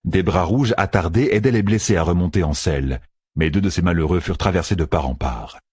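A man narrating a fantasy audiobook with expressive, dramatic storytelling. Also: sits low, brisk, breathy edge, no room sound, studio quality.

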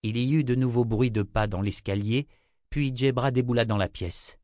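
A man narrating a fantasy novel as a scripted audiobook reading with steady delivery. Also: medium pitch, normal speed, no echo, clean studio sound.

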